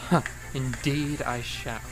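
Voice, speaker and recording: A man's voice: medium pitch, fairly even intonation, slow pace, over music, lightly acted, low-quality recording. A man playing an indignant young Mozart, proud and wry, in formal, wordy audio drama period speech. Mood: stiff, restrained.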